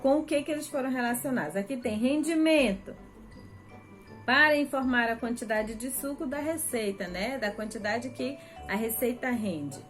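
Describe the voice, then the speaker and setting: A woman's voice: on the high side, soft background music. A Brazilian woman teacher patiently walking young pupils through a worksheet, step by step and repeating herself. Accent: Brazilian Portuguese. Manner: patient, repetitive, slow step-by-step explaining. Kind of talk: remote first-grade lesson walkthrough.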